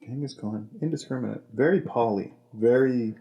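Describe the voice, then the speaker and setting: A man hosting a podcast, chatting casually and jokily, rambling with deadpan asides. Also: medium pitch, normal speed, highs cut off. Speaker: podcast host. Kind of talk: casual comedic chat.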